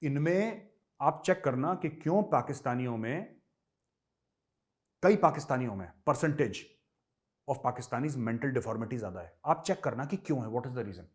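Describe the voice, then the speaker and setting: A man's voice: mid-range voice, animated, unhurried. Emphatic, scornful male commentator. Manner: emphatic, scornful, with rhetorical questions. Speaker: host. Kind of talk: political commentary to camera.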